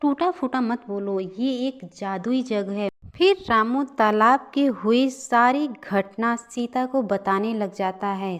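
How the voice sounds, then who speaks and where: Lively woman storyteller with a fairly high voice. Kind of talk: storybook narration.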